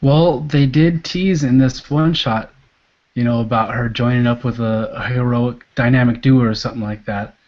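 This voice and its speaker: Male podcast co-host, mid-range voice, relaxed and hesitant, dull lo-fi recording. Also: medium pitch, normal speed. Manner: laid-back, hesitant, many fillers, trails off quietly. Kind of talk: casual chat.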